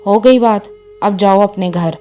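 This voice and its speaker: A woman's voice: mid-range voice, warm tone, soft background music, lightly acted. A woman voicing a harsh older mother-in-law who scolds and belittles her daughter-in-law. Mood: scolding. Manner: scolding, contemptuous.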